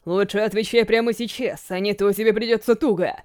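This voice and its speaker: A woman's voice: medium pitch, steady tone, a little fast, a little mellow, no echo, clean studio sound, close to an everyday voice. A woman voicing a stern young prince who questions a prisoner in an audiobook.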